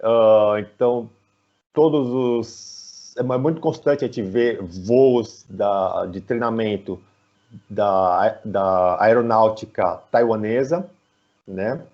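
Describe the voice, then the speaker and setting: An interview guest from São Paulo, Brazil, with a Brazilian Portuguese accent, explains things conversationally in a lowish, slightly mellow voice. He speaks haltingly and often tags his phrases with "né," and the audio is a dull online call.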